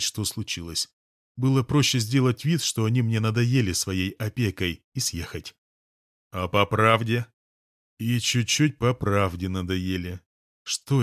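A man reading an audiobook, voicing a stubborn, hostile young woman with a sharp, petulant, tearful manner. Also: fairly low pitch, no room sound, clean studio sound, natural voice. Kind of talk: audiobook character voice.

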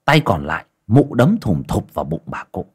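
A man narrating a folk horror story in an expressive, dramatic way. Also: deep voice, moderate pace, breathy edge, faint music behind.

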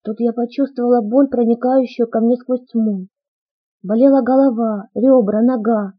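A woman reads an audiobook, telling the story dramatically in the first person. Her voice is slightly husky and breathy, recorded dry and close with a dull, lo-fi sound. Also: a little high, steady tone, normal speed, no echo. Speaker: audiobook narrator. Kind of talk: audiobook narration.

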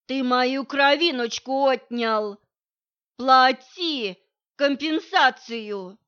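Audiobook role: shrill drunk mother, put on by a woman reader, high and strained, muffled lo-fi recording. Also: drawn-out words, a bit bright, clear, resonant tone, exaggerated voice. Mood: accusing. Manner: shrill, accusing, unsteady. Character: drunk wailing middle-aged mother. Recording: dull lo-fi recording.

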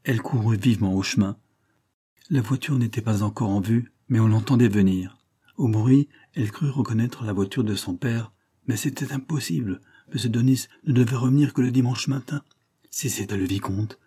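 A man reading a classic novel aloud as an audiobook narrator, in a steady, measured way. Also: mid-range voice, husky. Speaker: audiobook reader. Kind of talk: scripted literary narration.

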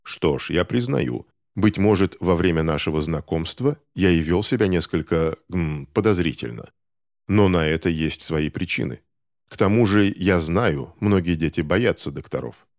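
A man reading an audiobook, voicing an adult male doctor who speaks in a measured, reasoning, persuasive way. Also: low-pitched, expressive, dry recording, clean studio sound. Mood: calm, reasoning. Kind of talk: audiobook character voice.

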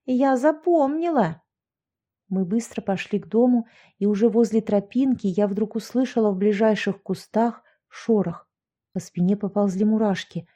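A woman narrating a first-person story with steady, expressive delivery. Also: mid-range voice, moderate pace. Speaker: audiobook narrator.

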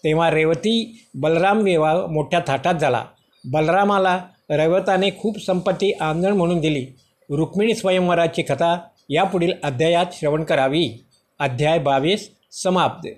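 A man reading a prose rendering of a sacred story in steady, measured narration. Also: a little high. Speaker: reader of scripture.

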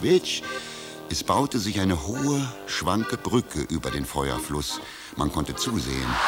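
Very deep male fairy-tale narrator.

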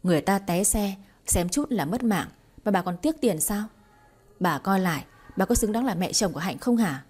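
A woman's voice: medium pitch, expressive, moderate pace, a little mellow, husky. Woman reading a protective young man. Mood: indignant. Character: protective young man, tender then indignant.

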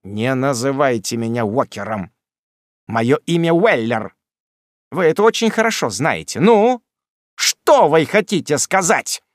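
A man reading a storybook, voicing a brash, bullying young manservant who shouts mocking threats in a loud, raised voice. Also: medium pitch, sing-song, unhurried, no room sound, clean studio sound. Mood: angry shouting.

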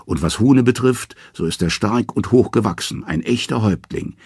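Older king of the gods, commanding and sure, read by a man, deep gravelly tone. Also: moderate pace, a little mellow, dry recording, clean studio sound. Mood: assured.

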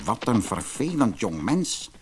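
A man's voice: lowish voice, sing-song, measured pace, darkish tone, slight background noise. A man voicing a cheeky, spiteful male dwarf in a storybook reading. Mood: chirpy. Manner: chirpy, turning spiteful.

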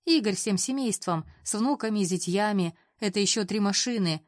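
Fussy, nagging mum as a woman reads her, mid-pitched voice. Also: a little fast, no echo, clean studio sound, lightly acted. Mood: fussing. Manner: grumbling, nagging. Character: fussing middle-aged mother, nagging.

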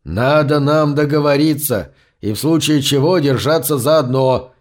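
A huge, blustering fat man, as a narrator puts him on, deep and booming. He grumbles and complains loudly. It is a voice in an audiobook crowd scene. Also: unhurried, close to an everyday voice. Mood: grumbling.

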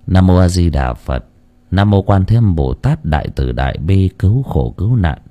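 A man voicing a calm Buddhist monk in an audio story, speaking in a solemn, measured way. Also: deep voice, muffled recording, heavily acted.

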